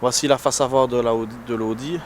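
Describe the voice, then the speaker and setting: A man's voice: medium pitch, fairly even intonation, quick pace. A man with an unusual French accent hosting a casual car vlog, talking in a hesitant, chatty way with many fillers and restarts. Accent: non-standard French accent. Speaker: car channel host. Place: in a car, then outdoors beside parked cars. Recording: noisy, with car and street sound. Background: vehicle and street noise.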